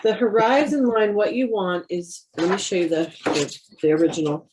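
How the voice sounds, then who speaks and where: A woman's voice: medium pitch, expressive, normal speed, background noise. A woman teaching a beginner watercolor class, explaining technique in a patient, practical and encouraging way. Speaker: watercolor instructor. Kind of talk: live painting class instruction.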